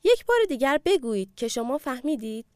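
A woman narrating a language course and clearly prompting the listener to repeat after the speaker. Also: high-pitched, lively intonation, a little mellow, no room sound, studio quality. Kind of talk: scripted lesson narration.

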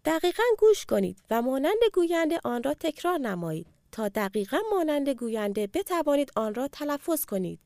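A woman narrating a language course and clearly prompting the listener to repeat after the speaker. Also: sits high, big pitch swings, hardly any pauses, a little mellow, dry recording, studio quality. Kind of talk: scripted lesson narration.

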